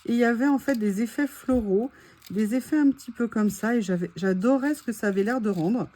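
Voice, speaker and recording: Gushing French woman, mellow voice. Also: on the high side, fairly quick. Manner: enthusiastic, gushing, repeats words. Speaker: haul vlogger. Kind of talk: casual haul chat, reading quotes aloud.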